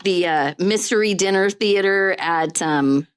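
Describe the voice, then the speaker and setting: A woman's voice: mid-range voice, unhurried, smooth. A woman from California, a local business owner, chatting as a podcast guest, laughing often and drifting onto tangents. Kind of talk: casual chat.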